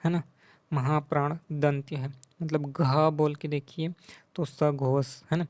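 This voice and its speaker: A male teacher goes over quiz answers in a level, slow voice on the high side that hardly rises or falls, often repeating "ठीक है" and "है ना." After each point he checks in with the listener. The recording is close and dry, without room echo.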